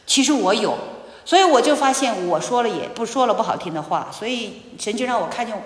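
A woman giving a personal testimony in church, telling her story with animated storytelling and acted-out dialogue. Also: a little high, brisk. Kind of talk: sermon testimony. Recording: echoey hall.

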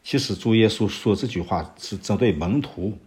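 Here a man with a lowish, darkish voice preaches verse by verse through scripture. He asks rhetorical questions along the way and sometimes fills pauses while looking up references.

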